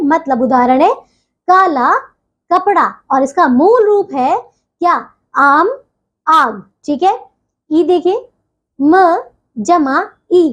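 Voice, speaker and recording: A woman with a strikingly high voice teaches a children's grammar lesson. She is patient and unhurried, spelling out each sound and example with care and returning again and again to a calm, reassuring phrase.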